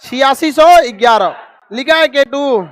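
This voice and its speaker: High-voiced scolding teacher. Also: male voice, expressive, a bit bright, some chatter behind. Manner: scolding, calls students donkeys; rapid drilling questions, repeats answers. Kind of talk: classroom map lesson.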